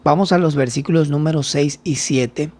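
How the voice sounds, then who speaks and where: A man's voice: fairly high pitch, moderate pace, darkish tone. Man, pastor, Bible study lesson, reads scripture, asks questions. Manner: reads scripture aloud then explains it, asking questions.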